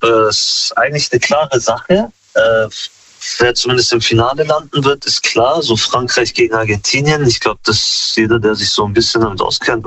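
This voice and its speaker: A man in his thirties chatting casually in an interview, relaxed and slangy with many fillers. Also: mid-range voice, poor audio. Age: 30s.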